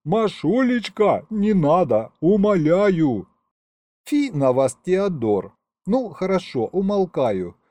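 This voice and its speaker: A man's voice: a little high, huge pitch swings, a little slow, mellow, no room sound. A man voicing a prim, romantic young female clerk with a prissy, bookish way of talking. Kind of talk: audiobook character voice.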